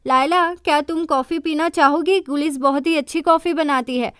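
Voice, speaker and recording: A woman's voice: high voice, steady tone, moderate pace, dry recording, clean studio sound, close to an everyday voice. A woman voicing an easygoing young man.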